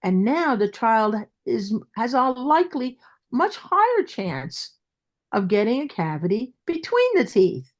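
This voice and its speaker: A woman's voice: fairly high pitch, big pitch swings, unhurried. A woman with a Brooklyn accent speaking as a dentist guest in an interview, emphatic and repeating phrases for stress.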